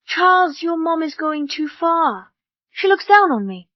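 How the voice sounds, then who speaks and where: A woman's voice: very high voice, sing-song, a little slow, dry recording, full character voice. A woman dubbing an emotional young bride pleading with her mother and fiancé. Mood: upset. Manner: pleading, upset. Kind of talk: English drama dub. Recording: dull dry studio dub.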